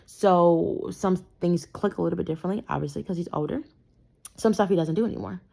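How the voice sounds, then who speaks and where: Casual low-voiced woman with vocal fry. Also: brisk, warm tone. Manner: rambling, conversational, frequent fillers. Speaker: parenting vlogger. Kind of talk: casual storytime monologue.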